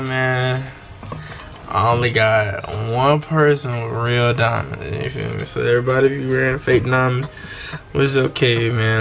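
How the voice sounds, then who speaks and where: A young man hosting a vlog, talking casually in a slangy, drawn-out way from a room at home, close to his camera. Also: mid-range voice, creaky, a bit bright. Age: young adult. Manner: laid-back, slangy, drawn-out talk. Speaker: YouTube host. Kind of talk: casual street interviews and vlog outro.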